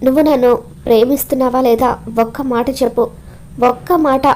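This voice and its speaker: A woman's voice: sits high, steady tone, fairly quick, dark tone, lightly acted. A woman voicing an insistent young man pressing for an answer of love. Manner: pleading, insistent.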